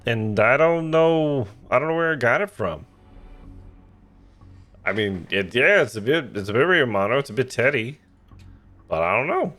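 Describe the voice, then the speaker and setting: A man's voice: mid-range voice, big pitch swings, normal speed, long pauses, pushed and bright, soft background music. A man chatting casually while he plays a video game. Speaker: game streamer. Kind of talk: casual chat while playing.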